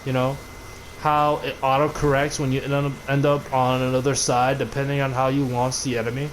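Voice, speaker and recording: A man's voice: medium pitch, flat delivery, fairly quick, slight background noise, low-quality recording. A man ranting casually about a video game, rambling and cursing, often restarting his sentences. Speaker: gaming video creator. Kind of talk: casual gaming rant.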